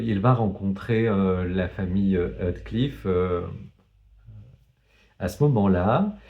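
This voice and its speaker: A man talking casually about a novel he read, with frequent pauses and restarts and some self-mocking humor. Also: on the low side, a little mellow, muffled recording. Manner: hesitant, many fillers and restarts. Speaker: book vlogger. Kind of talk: casual book review vlog.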